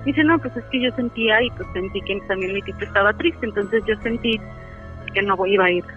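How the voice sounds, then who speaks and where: A woman phones in and tells a story in a chatty, casual way, her mid-range voice moving briskly. She drops in many fillers like "este", and the line sounds tinny with music in the background.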